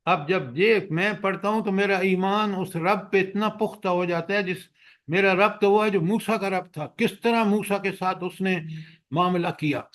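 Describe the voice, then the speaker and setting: Man giving a lively Quran lecture. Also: high-pitched. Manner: asks the class questions, recites verses slowly. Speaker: Quran teacher.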